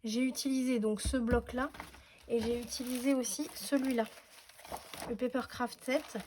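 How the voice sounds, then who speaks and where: A woman's voice: a little high, steady tone, moderate pace, darkish tone, slight background noise. A woman hosting a crafting tutorial, talking casually with lots of fillers and restarts. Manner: chatty, many fillers and restarts. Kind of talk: casual demonstration talk.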